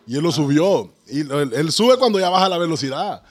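A man's voice: a little high, lively intonation, fairly quick. A man, co-hosting a podcast and telling anecdotes in casual chat. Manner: chatty, tells anecdotes. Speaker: podcast co-host. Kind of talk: casual storytelling.

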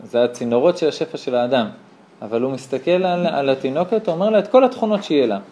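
A man, a rabbi, teaching a lively Torah class to a small live audience, telling stories, acting out dialogue and asking his listeners rhetorical questions. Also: on the high side, highs cut off. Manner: animated storyteller who acts out dialogue.

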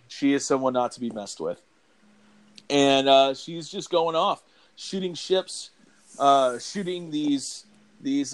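A man hosting a podcast, recapping a movie in a rambling casual way, full of fillers and restarts, with audible breathing. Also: medium pitch. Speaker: podcast host.

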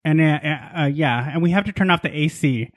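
A man with a loud, projecting voice, chatting casually and jokingly as a podcast co-host. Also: a little high, brisk, no echo. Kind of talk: casual comic chat. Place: apartment room with the AC off.

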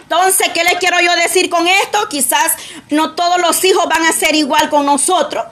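A woman's voice: very high voice, fairly even intonation, moderate pace, fairly bright tone. A woman preaching a sermon to other mothers, earnest and often repeating amen.

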